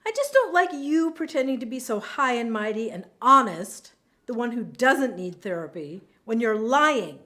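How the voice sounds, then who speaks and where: A woman playing a sarcastic young daughter who will not let her mother off the hook. Her voice is high, lively and bright. She talks back in an audio play. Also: moderate pace. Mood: angry. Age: young adult. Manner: sarcastic, confrontational. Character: sharp-tongued grown daughter, Penelope. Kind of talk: audio drama acting.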